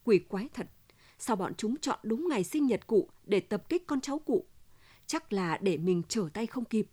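A woman's voice: medium pitch, expressive, normal speed, warm tone, husky, dry recording. A woman voicing an anxious, brooding husband who talks in a gloomy, muttering way. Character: anxious husband, middle-aged man, brooding.

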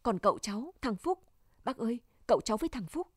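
A woman's voice: fairly high pitch, animated, a little fast, darkish tone, no echo, clean studio sound. A woman reading a novel aloud, voicing a polite young male soldier whose words break with grief. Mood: anxious. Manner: deferential, breaking with emotion.

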